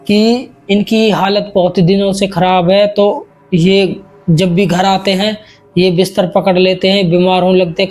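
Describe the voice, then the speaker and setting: A man's voice: high voice, a little mellow, a little hiss or hum. A man casually retelling a horror story in his own words, with restarts and quoted dialogue.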